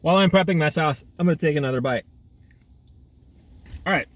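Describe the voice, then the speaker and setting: A slightly high-voiced man chatting through a casual food review vlog while he eats. He talks with his mouth full and breaks into eager exclamations. He is filming himself outdoors in half sun, half shade. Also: a little fast, no room sound. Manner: chatty, eating while talking, frequent exclamations. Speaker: food vlogger.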